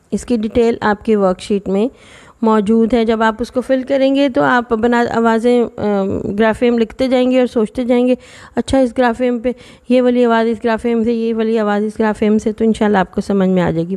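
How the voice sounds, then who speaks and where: A woman teaching phonics to children in a patient, explaining way, sounding out words slowly. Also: fairly high pitch, warm tone.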